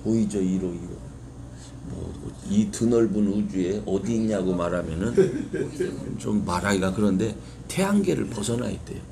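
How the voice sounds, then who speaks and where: A man's voice: low voice, unhurried, background noise. A male pastor preaching an impassioned sermon, putting rhetorical questions to his congregation. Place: church sanctuary.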